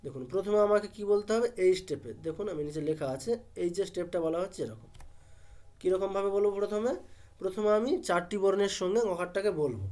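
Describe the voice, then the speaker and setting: A man teaching pronunciation step by step. He asks and answers his own questions and drills each sound slowly. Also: sits high, darkish tone.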